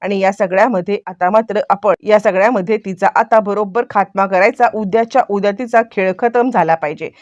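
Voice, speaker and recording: A woman's voice: mid-range voice, fairly quick, few pauses, a little mellow, no echo, dull audio, lightly acted. A woman reading the lines of a protective, determined husband in her serial retelling. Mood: earnest.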